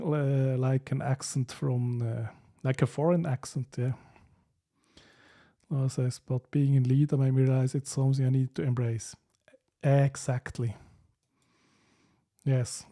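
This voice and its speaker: This is the Swiss live streamer again, his accent clear as he reads out comments from viewers. He often laughs between hesitant sentences packed with fillers, and his voice sounds warm and mid-range.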